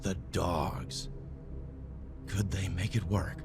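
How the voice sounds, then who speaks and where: A man's voice: sits low, slow, loud music behind the voice. An actor playing a troubled young man in a game, speaking a reflective inner monologue. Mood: brooding. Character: troubled young man searching for his father.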